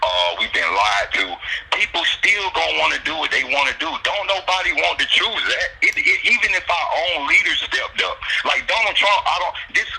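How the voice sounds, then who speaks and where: A man from Atlanta, talking casually and repetitively about sports picks, getting animated as he goes. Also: fairly high pitch, a little fast, vocal fry, slightly rough, low-quality recording. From Atlanta, USA. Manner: loose, repetitive, animated when worked up. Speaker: sports betting picks streamer. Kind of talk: casual conversation.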